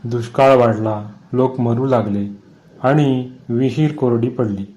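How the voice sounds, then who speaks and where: A man's voice: medium pitch, a little slow, dark tone, lo-fi sound, natural voice. A man doing a grave old village uncle.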